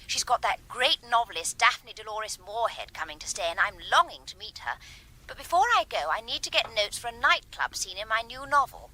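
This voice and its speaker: A haughty young English lady in a radio comedy. Her bright, rather high upper-class voice moves through a wide range, precise and commanding, with high-minded literary airs. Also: big pitch swings, a little fast, full character voice, poor audio. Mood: coaxing, imperious. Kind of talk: British comic radio drama acting.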